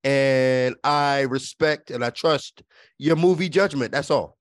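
A man's voice: mid-range voice, slow, no room sound, studio quality. A man co-hosting a casual chat as a guest, easygoing and agreeable, laughing often. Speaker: guest co-host.

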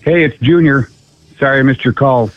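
Guy's voicemail greeting on an answering machine, middle pitch, faint music behind. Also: moderate pace, dry recording, highs cut off. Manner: friendly recorded voicemail greeting. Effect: answering machine greeting played over phone speaker.

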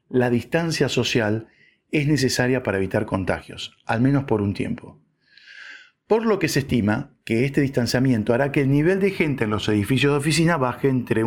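A man reading a scripted opinion piece with wry, sarcastic asides. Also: mid-range voice. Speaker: narrator.

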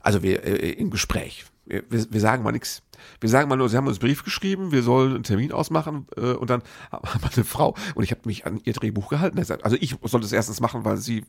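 A middle-aged man spins a personal anecdote in loose, chatty fashion, circling back and restarting his sentences. His voice is deeply gravelly with a rough, husky edge, at an ordinary middle pitch. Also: quick pace, no room sound, clean studio sound. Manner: rambling, restarts often, asides to listener. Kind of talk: casual anecdotal storytelling.

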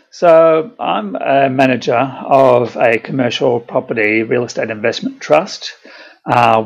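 An Australian man from Brisbane, a guest answering interview questions over a lagging satellite audio link, measured and explanatory with frequent ums. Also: medium pitch, gravelly. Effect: remote guest heard over a lagging satellite audio link. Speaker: podcast guest, property fund manager. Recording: dull lo-fi satellite audio line.

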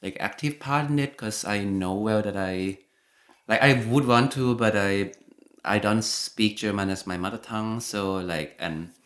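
A young Thai guest talks in a very low but fairly bright voice at a measured pace. Hesitant, he keeps stopping and restarting with many fillers, circling his thoughts loosely before getting to the point in casual conversation.

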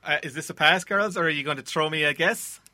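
A man's voice: on the high side, fast, pushed and bright, dry recording, clean studio sound. An Irish man hosting a quiz, reading out questions and bantering with contestants. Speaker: quiz host.

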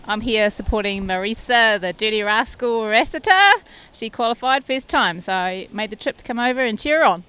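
A woman's voice: on the high side, brisk, hardly any pauses, fairly bright tone, smooth. A woman answering casually in an outdoor interview as a spectator. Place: outdoors at a triathlon.

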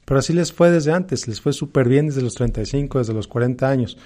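Speaking briskly, a Mexican-accented man delivers motivational money advice, hammering home key phrases by repeating them. His voice is mid-pitched, relaxed and soft around the edges, with an emphatic, advisory delivery.

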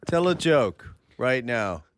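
A man hosting a podcast, chatting casually with teasing, deadpan remarks. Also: mid-range voice, slow, no echo, clean studio sound. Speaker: podcast host. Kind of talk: casual banter.

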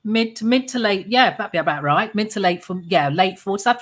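A woman's voice: medium pitch, animated, a little fast, fairly bright tone. A woman in her fifties with a Birmingham accent, hosting her podcast and talking about her own career in a self-assured way. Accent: Birmingham English. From Birmingham, England. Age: 50s. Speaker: podcast host and career strategist. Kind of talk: podcast intro and conversational interview.

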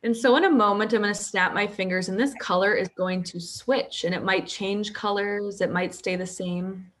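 A woman guiding a hypnosis session as a hypnotherapist, speaking softly and soothingly in repetitive phrases. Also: medium pitch, fairly even intonation, normal speed.

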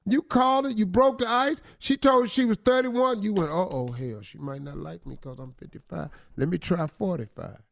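A man's voice: sits high, moderate pace, creaky, hardly any pauses, no room sound. A man co-hosting a comic advice talk segment, teasing the letter writer and acting out his lines. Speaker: radio show co-host giving advice. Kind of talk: comic relationship advice chat.

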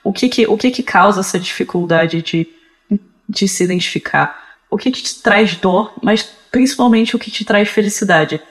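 A man's voice: high-pitched, moderate pace, a bit bright, poor audio. A man with a cracking, reedy voice, speaking casually and reflectively as a podcast guest, repeating words as he searches for them. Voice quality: cracking, reedy voice from early gender transition. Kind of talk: casual, reflective advice and personal account.

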